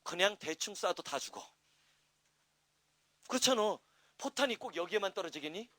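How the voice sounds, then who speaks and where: A middle-aged man teaching an English grammar class, talking fast and loosely, asking questions and answering them himself. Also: high voice, dry recording. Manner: lively, talkative, asks and answers his own questions. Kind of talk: classroom lecture.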